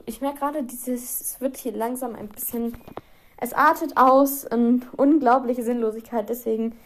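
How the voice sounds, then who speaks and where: A teenage girl talks on her own podcast in a loose, chatty way. Her voice sits a little high, and she drifts between topics with self-mocking asides and small giggles. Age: teens. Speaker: podcast host. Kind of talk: casual solo podcast chat.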